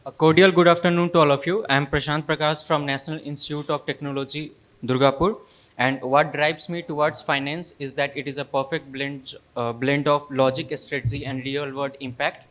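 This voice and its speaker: A man's voice: a little high, steady tone, a little fast, fairly bright tone. A young man introducing himself formally as a quiz contestant. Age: young adult. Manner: formal, rehearsed.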